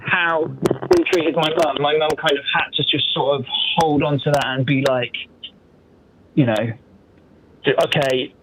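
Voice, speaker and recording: Man, forties, guest, rambling, slightly high voice, clipping crackly mic, loud background hiss. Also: fairly even intonation, unhurried. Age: 40s. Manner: rambling, restarts his sentences. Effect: clipping, crackly distorted mic audio. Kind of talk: casual conversation. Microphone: headset mic, speaking too close. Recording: noisy, distorted call audio.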